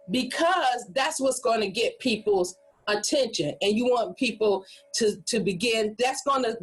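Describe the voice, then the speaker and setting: A woman with a fairly high, husky voice leads a training session for presenters. She talks loosely and casually, breaking into lively demonstrations of how to deliver a line. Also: poor audio. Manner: animated, demonstrates delivery with hype voices and whispers. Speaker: speaking coach. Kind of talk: training workshop talk.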